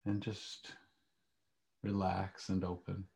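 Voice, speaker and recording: A man teaching meditation, leading a calm grounding exercise in short, hushed phrases with long pauses. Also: deep voice, vocal fry.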